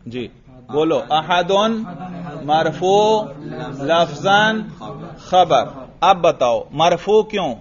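A man teaching Arabic grammar in a slow, patient way, quizzing students with repeated questions and drills. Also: on the high side, muffled recording. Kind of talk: classroom grammar lesson with drills.

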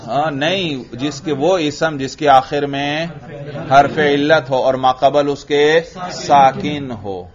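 In a classroom grammar lesson, a male teacher with a slightly high voice poses questions to the class, answers them himself, and repeats key terms slowly. Crowd noise can be heard, and the recording is dull and lo-fi.

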